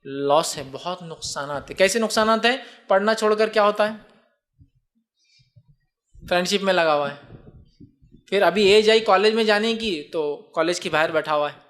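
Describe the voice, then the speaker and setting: A man's voice: sits high, normal speed, pauses often, fairly bright tone. A man gives a religious answer to a question. He explains patiently and keeps answering his own rhetorical questions. His talk moves easily between words and English ones. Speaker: Islamic speaker.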